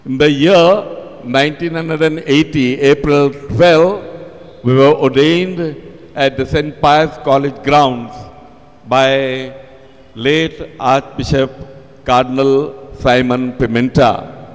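Older priest at a pulpit microphone, slow. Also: male voice, mid-range voice, fairly even intonation. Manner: slow, measured, formal. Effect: speaking at a pulpit microphone over the church speakers. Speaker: parish priest. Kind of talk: welcome address at a Mass. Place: large church. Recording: long church reverb from the sound system.

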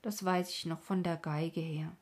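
A woman's voice: fairly low pitch, steady tone, a little slow, a little mellow. A woman doing a wistful little boy. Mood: earnest. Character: wistful, sad little boy dreaming of far places. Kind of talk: bedtime story reading.

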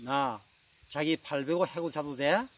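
A man's voice: a little high, unhurried. A man doing a coy Seoul bride. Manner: coy, sweet. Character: cutesy affectionate Seoul newlywed bride.

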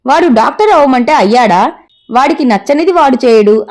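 A woman's voice: high voice, animated, a little fast, darkish tone. A woman voicing a wry, teasing father. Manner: teasing, dry. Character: wry easygoing middle-aged father.

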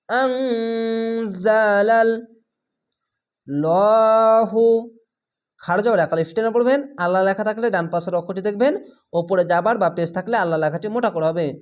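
A man teaching recitation step by step, slowly drawing out each recited word and then explaining it plainly. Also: high-pitched. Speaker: Quran reading teacher.

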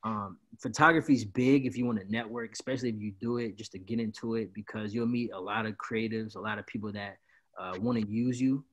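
A twenty-something party promoter from Peoria, Illinois, rambles loosely through a casual video-call interview from a small room at home, saying "bro" a lot in his laid-back way. His voice is fairly low and a bit bright, with fairly even intonation and a brisk pace. The sound is lo-fi.

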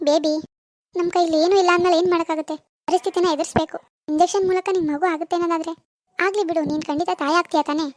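A woman's voice: very high voice, steady tone, fast talker. A woman voicing a worried middle-aged mother in a cartoon, soothing and pleading with her daughter. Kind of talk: cartoon voice acting.

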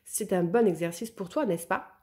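Lady reading as a cheery kind baker guy in a kids story, mellow. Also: medium pitch, moderate pace, close to an everyday voice. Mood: cheerful. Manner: cheerful, fond.

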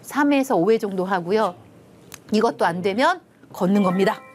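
Animated woman lecturing on family talk. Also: mid-range voice, moderate pace, a little hiss or hum. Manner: animated, acts out quotes in lively voices. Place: television studio with panel.

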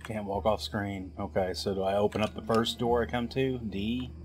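A man's voice: on the low side, little pitch movement, moderate pace, a little mellow. A man giving a let's play commentary, thinking aloud as he puzzles through a game and drops wry asides, with game music behind him. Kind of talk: gameplay commentary.

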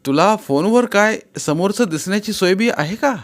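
A man's voice: high voice, expressive, normal speed, pitched above the performer's own voice. A man doing a wary, reluctant educated friend. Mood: wary, doubtful. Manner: surprised, doubtful, bantering.

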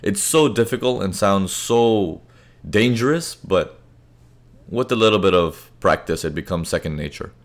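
A man with a fairly low voice walks webinar viewers through price charts in a relaxed, conversational way. He keeps asking if they follow along. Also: measured pace. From Indian parents, raised in several countries. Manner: conversational, checks in with the audience often. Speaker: forex trading webinar presenter. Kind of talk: live webinar teaching with chat questions.

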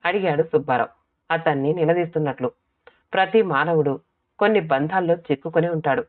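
A steady storybook narrator at an ordinary middle pitch reads a short story, stepping into the characters' lines now and then. The sound is thin and phone-like. It is also very dry, with no room echo at all. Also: brisk. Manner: steady storytelling voice, briefly switches into character quotes. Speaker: audiobook narrator. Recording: tinny phone-like dry audio.

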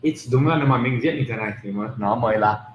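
A man teaching English pronunciation in a casual video lesson, repeating example words slowly and with emphasis. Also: mid-range voice, lo-fi sound. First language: not Vietnamese. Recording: roomy with faint background noise.

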